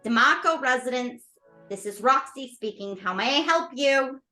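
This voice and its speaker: A woman's voice: sits high, expressive, moderate pace, bright, forceful tone, reverberant, faint music behind, pitched below the performer's own voice. A woman playing a young woman who answers the family phone in a polite customer service voice during a tabletop role-play. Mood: polite, composed.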